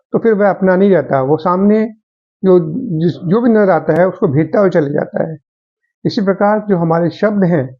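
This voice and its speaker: Male motivational speaker, lighter high voice, earnest advice-giving tone, muffled lo-fi sound. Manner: earnest, advisory, addresses listeners as friends. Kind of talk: motivational talk to viewers.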